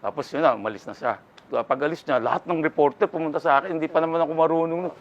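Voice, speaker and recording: A man's voice: fairly high pitch, fast talker. Older guy from the philippines telling an old story, does everyone's voices, sound's kinda muffled. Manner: animated, acts out the voices of people in his story. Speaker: interview guest. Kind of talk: casual storytelling.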